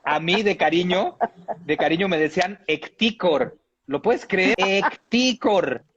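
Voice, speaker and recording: A man reads a comic piece aloud with a playful, amused delivery, his voice a little husky. The sound is dull and lo-fi. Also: sits high, measured pace, a bit bright. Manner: playful, amused storytelling with laughs. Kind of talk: reading a humorous text aloud.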